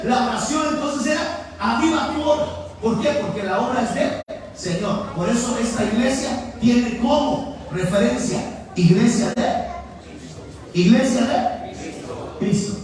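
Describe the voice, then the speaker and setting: A man preaches with a strikingly high voice, pressing questions on his congregation and having them repeat lines back to him. He sounds distant from the mic, and his words ring out through a very reverberant church hall. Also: slight background noise. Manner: emphatic call-and-response, asking the congregation to repeat after him. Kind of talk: sermon. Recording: very echoey hall, mic far off.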